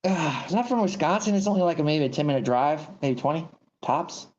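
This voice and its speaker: Rambling thirties podcast host. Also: male voice, a little high, animated, brisk, darkish tone, lo-fi sound. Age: 30s. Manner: rambling, repeats himself. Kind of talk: casual podcast interview.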